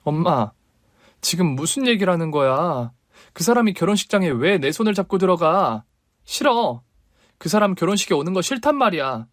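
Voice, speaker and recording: In this radio-drama story, a stubborn, resentful daughter pushes her words out high and insistent, as a male narrator puts her on. The recording is dry and close. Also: measured pace, darkish tone, dry recording. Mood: defiant. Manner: raised, insistent. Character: sharp-tongued young daughter, stubborn and resentful.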